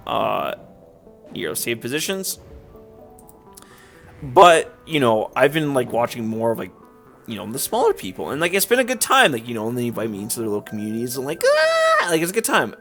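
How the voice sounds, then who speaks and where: A man's voice: medium pitch, sing-song, a little fast, a bit bright. A man giving casual commentary while playing a game, rambling on with lots of filler words. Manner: rambling, filler-heavy, frequent "like". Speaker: let's play YouTuber. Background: faint game music.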